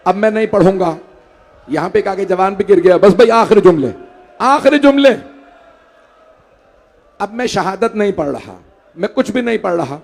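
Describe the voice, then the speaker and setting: A man's voice: high-pitched, animated, moderate pace, vocal fry, long pauses. A male cleric delivering a mourning sermon, pleading with the crowd and rising to wailing cries.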